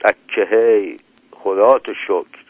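A man voicing a blunt young husband who turns gentle and coaxing, in an old radio story. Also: fairly low pitch, fairly even intonation, no echo, natural voice. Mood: irritated. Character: hungry young husband, gruff but tender. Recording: tinny dry lo-fi radio recording.

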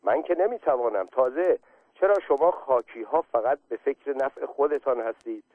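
A man's voice: medium pitch, expressive, no echo, voice pushed up. A man reading aloud and voicing Jafar, a fussy, lecturing male creature who whines and scolds, over a thin, phone-like line. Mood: pleading. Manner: pedantic, lecturing and whining. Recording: tinny phone-like line, dry.

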